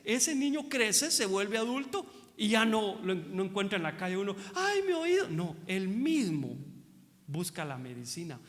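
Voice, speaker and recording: Male pastor, high and very animated delivery, folksy sermon with rhetorical questions, long hall reverb. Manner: asks the congregation rhetorical questions, addresses them as brother; folksy, joking asides. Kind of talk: conversational sermon. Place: church hall.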